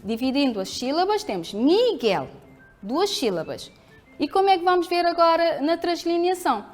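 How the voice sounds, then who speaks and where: A woman teacher with a European Portuguese accent, giving a televised school lesson, speaking clearly and patiently, asking the pupils questions and answering them herself. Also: very high voice, big pitch swings, normal speed, faint music behind.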